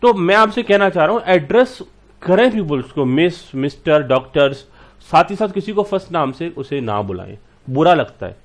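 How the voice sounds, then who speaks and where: A man with a somewhat high-pitched voice teaches a class in a fatherly way. He explains each point through everyday examples and keeps asking his students whether they follow. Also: big pitch swings, normal speed. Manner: talks to students fondly and checks they follow. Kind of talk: classroom lecture.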